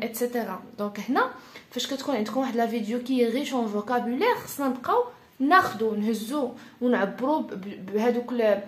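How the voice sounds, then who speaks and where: A woman French teacher with a Moroccan accent, giving a lesson. She repeats key phrases slowly, checks in often, and sometimes pauses and restarts while searching for a word. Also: a little high. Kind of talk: classroom-style language lesson. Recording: roomy echo.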